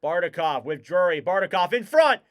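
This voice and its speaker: A man giving casual live play-by-play commentary on a hockey game, getting louder and keener on the big plays. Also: high voice, big pitch swings, normal speed.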